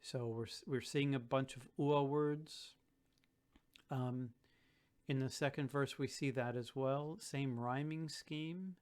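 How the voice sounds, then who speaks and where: A man teaching a song lesson, thinking aloud and reciting verse lines slowly with careful stress. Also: medium pitch, fairly even intonation, a little mellow, clear, resonant tone. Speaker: Gaelic song tutor. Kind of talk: relaxed spoken lesson with slow recitation.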